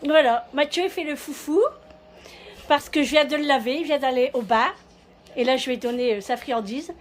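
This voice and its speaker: A woman's voice: high-pitched, moderate pace. A woman chatting casually at home in her kitchen, rambling with lots of fillers and restarts. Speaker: vlogger. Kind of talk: casual home vlog chat.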